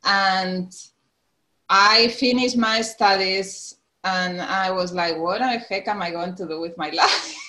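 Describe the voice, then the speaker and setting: Speaking slowly in a bright, forceful mid-range voice, a Spanish-accented woman in her forties from the Canary Islands guests on a podcast. It's a casual interview, full of her laughter and restarted sentences.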